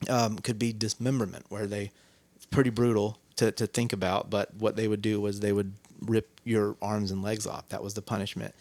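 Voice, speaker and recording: A man's voice: fairly low pitch, dry recording. Dry-miked man telling a rambling story. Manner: rambling storyteller, self-correcting. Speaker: co-host. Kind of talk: casual podcast chat.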